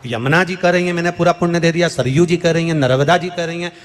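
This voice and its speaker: A man's voice: on the high side, fast. A man telling a devotional sermon story to an audience, repeating phrases for emphasis and calling out questions to the crowd. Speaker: preacher. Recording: long hall reverb with faint music.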